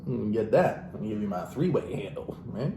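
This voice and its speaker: Expressive and fairly low-pitched, a man reads at normal speed, ridiculing the book with casual, profane asides. He's the host and reader of a comic book reading, recorded in an echoey space with background noise.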